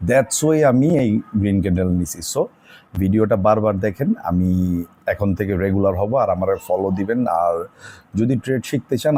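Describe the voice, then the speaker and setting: A man with a low, deep voice talks through a trading lesson. His tone is dark and mellow. He chats loosely, repeats himself and leans on fillers as he explains. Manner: chatty, repeats points, many fillers. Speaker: trading tutor. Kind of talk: casual screen-recorded trading lesson.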